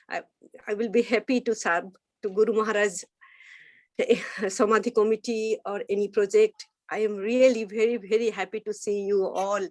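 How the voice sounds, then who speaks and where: A woman introducing herself in a video meeting, speaking in a halting way with restarts. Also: medium pitch. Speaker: meeting participant. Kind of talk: self-introduction on a video call. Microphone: video call.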